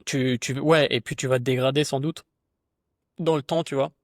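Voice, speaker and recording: A man talking as a podcast guest and fitness coach, in a chatty, relaxed, slangy way with lots of fillers. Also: medium pitch, moderate pace, dry recording, clean studio sound. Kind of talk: casual conversation.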